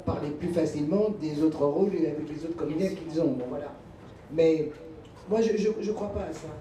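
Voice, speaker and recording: A man speaking earnestly in a panel discussion, with halting restarts. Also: fairly high pitch, mellow. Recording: echoey room, distant mic.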